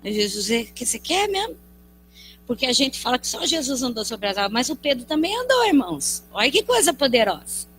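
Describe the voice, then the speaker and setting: A woman preaching a sermon, animated and acting out the voices she quotes while addressing the congregation as brothers and sisters. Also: on the high side, fast, a little hiss or hum, rough recording.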